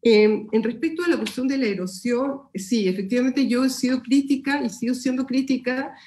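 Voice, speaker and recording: Her voice sits high and sounds mellow, moving at a moderate pace within a roomy acoustic. Responding to questions in an academic seminar, this Peruvian sociology lecturer speaks Spanish with a Peruvian accent, thinking aloud through many fillers and restarts.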